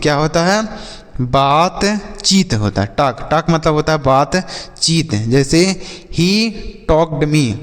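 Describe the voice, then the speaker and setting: Slow-spelling man teaching. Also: fairly high pitch, big-room sound. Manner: drills slowly, asks and answers his own questions. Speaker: English teacher. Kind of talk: classroom-style vocabulary lesson.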